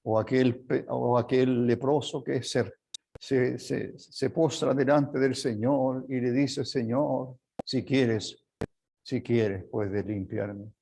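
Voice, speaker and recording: A man with a Chilean Spanish accent preaching a sermon as pastor, earnest and unhurried, closing in a quiet prayer. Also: mid-range voice, vocal fry. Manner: slow, earnest preaching that drops to a soft prayer.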